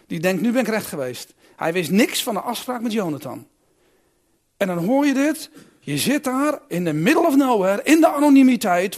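A man preaching a sermon who asks his listeners direct questions and swings between loud emphatic calls and quiet reflective asides. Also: high-pitched.

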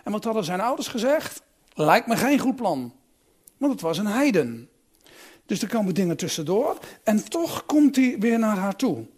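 Lively man reading and explaining Scripture. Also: high voice, normal speed. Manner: lively, musing, with restarts. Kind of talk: Bible reading and commentary.

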